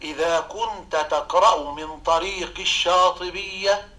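A man, a Quran recitation scholar, explaining recitation rules in a measured way and chanting short examples. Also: high voice, fairly even intonation, bright, forceful tone, rough recording.

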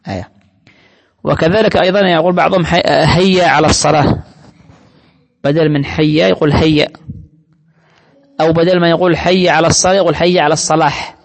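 A man with a notably high voice delivers a religious lesson, explaining each point patiently and quoting scripture as he goes. His voice carries a long reverb, as if he were speaking in a large hall. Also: steady tone, fast, gravelly, pauses often. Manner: explanatory, teacherly, quotes scripture often. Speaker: religious teacher.

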